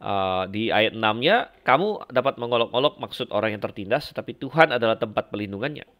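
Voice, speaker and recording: Man, Bible lecture, lowish voice, halting explanatory delivery, muffled lo-fi recording. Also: expressive. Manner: measured explaining with frequent fillers and restarts. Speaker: Bible teacher. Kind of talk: lecture comparing Bible passages.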